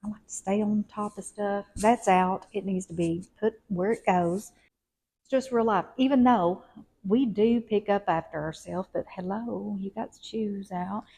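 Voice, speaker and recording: A woman's voice: medium pitch, a little slow, dark tone, husky. A woman, chatting in a rambling, folksy home vlog. She talks straight to her viewers as y'all. She is recorded indoors at home on a clip-on mic. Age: 50s. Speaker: lifestyle vlogger. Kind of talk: casual home vlog chat. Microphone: wired clip-on mic.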